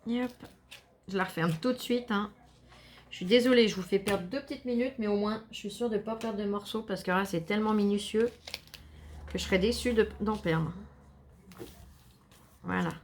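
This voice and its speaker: A woman vlogger chatting casually to viewers while opening a scrapbooking parcel, gushing and enthusiastic with a slightly gravelly voice. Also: medium pitch, moderate pace, pauses often, a little hiss or hum. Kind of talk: casual unboxing chat to viewers.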